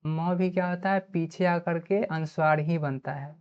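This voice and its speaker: Sitting low in pitch, her voice is smooth, darkish and steady, delivered at normal speed. She's a Bihari-accented woman teaching grammar online, spelling words letter by letter and supplying answers to her own questions, heard through dull lo-fi audio.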